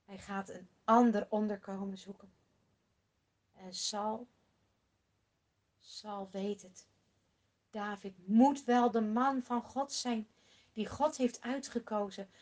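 A woman telling a Bible story to children in a slow, dramatic way, sometimes dropping to a whisper for suspense. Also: mid-range voice, steady tone, a little mellow.

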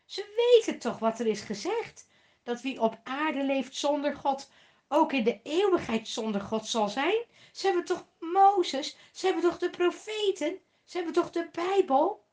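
Father Abraham, an old patriarch, answers with firm and patient admonishment, voiced by a woman storyteller. Each sentence comes slow and measured. The voice stays fairly high for the figure. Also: lively intonation, darkish tone.

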